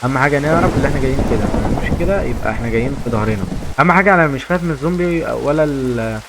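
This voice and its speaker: This is a young man with an Egyptian accent giving casual commentary on his own gameplay. He talks fast and chatty, often repeating phrases to his viewers. Rain and clicking sounds come through clearly in the recording. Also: medium pitch, background noise. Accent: Egyptian Arabic. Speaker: gaming YouTuber.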